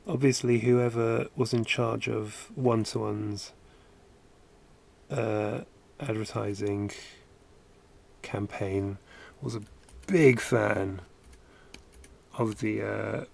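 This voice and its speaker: A man's voice: on the low side, steady tone, slow pace, vocal fry, long pauses, darkish tone. A British man chatting casually while he draws on a live stream, musing aloud with lots of filler words. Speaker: animation streamer.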